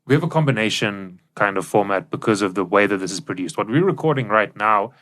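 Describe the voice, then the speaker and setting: With lively intonation and a fast pace, a fairly low-pitched South African man with a fairly bright tone co-hosts a podcast. He explains things in a casual, informal discussion style into a studio mic in a professional recording studio.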